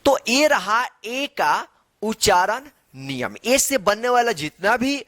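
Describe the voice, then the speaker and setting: This man speaks slowly in a high, very animated voice with a bright, forceful edge, and the recording is dry. Teaching English reading, he breaks words into individual letters, puts the question of pronunciation to the class, and supplies the answer himself through repeated readings.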